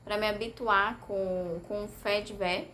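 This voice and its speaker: A woman's voice: medium pitch, fairly even intonation, a little slow, fairly bright tone, a little hiss or hum. A Brazilian woman talking casually to her viewers, chatty and hesitant, often tagging on little questions and filler sounds. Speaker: vlogger sharing language-study experience. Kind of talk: casual talk to camera.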